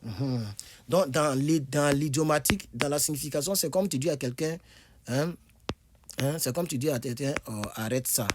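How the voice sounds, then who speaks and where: A man's voice: fairly high pitch, normal speed, noisy background. Man, tired online English teacher, talks from bed, loose and repetitive, demonstrates every phrase. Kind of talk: casual online language lesson. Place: indoors, on his bed.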